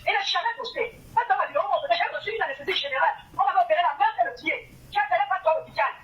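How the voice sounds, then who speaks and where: A woman's voice: very high voice, racing, far from the mic. A woman, a guest telling her story casually, acting out quoted dialogue and repeating herself a lot. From Cameroon. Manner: retells events by acting out quoted dialogue, with many repetitions. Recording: dull lo-fi sound from off the mic.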